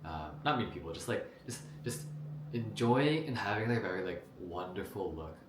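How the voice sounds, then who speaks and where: A man's voice: low voice, lively intonation, normal speed, roomy sound, background noise. A young man from New Jersey talking casually to a camera about his life, rambling with lots of fillers and restarts. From New Jersey, United States. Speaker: vlogger. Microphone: camera mic.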